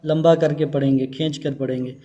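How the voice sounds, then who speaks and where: A man's voice: a little high, level tone, dark tone, in a large hall, dull audio. Man teacher, letters chanted drawn out. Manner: explains each letter, then chants it slowly and drawn out. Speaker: Quran teacher. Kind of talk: Arabic letter pronunciation lesson.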